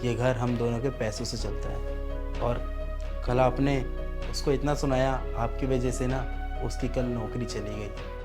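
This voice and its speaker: A man's voice: mid-range voice, fairly even intonation, unhurried, over music, natural voice. A man playing a young husband caught between his wife and his mother, earnest and reasoning. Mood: firm.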